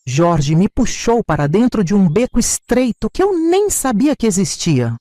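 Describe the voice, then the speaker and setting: A man narrating a dramatic first-person story in a scripted, expressive way. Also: high voice, moderate pace, no echo, studio quality.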